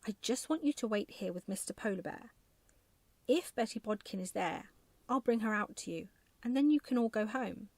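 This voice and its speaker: A no-nonsense old wife from a bedtime storybook, acted out by a woman. She is bossy yet kind and speaks in a soft ASMR manner. The voice is creaky, close and very dry. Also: medium pitch, animated, normal speed, dry recording. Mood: firm. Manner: firm, bossy, matter-of-fact. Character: brisk, capable, no-nonsense old wife, scolding but kind.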